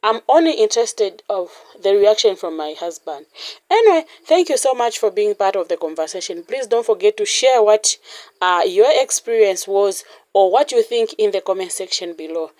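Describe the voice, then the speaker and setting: Woman channel host, reflective commentary, calm and a bit halting. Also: medium pitch. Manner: measured, reflective, slightly halting. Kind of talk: casual commentary to viewers.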